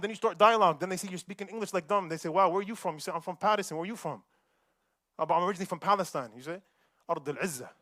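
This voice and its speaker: A man giving a Friday sermon, animated and quick, mixing Arabic recitation with casual street talk. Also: on the high side, no room sound, clean studio sound. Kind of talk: khutbah sermon. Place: mosque.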